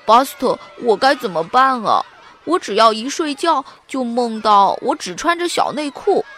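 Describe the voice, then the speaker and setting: A woman voicing a worried young schoolboy who pleads and bursts into loud complaints. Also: fairly high pitch, normal speed, slight background noise, natural voice. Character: anxious, easily flustered young schoolboy.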